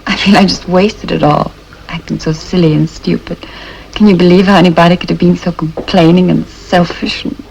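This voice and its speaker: Creaky-voiced young heiress. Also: female voice, lowish voice, fairly even intonation, moderate pace, a little mellow, muffled recording, slight background noise. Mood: wistful, confiding. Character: spoiled young heiress, wistful and newly humbled. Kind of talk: film dialogue acting.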